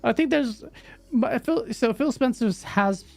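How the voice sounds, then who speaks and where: A woman's voice: a little high, normal speed, gravelly, a little mellow, soft background music. A woman hosting a casual livestream chat, rambling and chatty with many fillers. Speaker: host.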